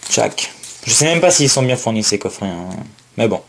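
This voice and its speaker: A man chatting casually through a card unboxing, excited, repeating words and filling pauses with "euh". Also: mid-range voice, vocal fry. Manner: enthusiastic, repetitive exclamations and many fillers. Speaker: YouTuber opening trading card packs.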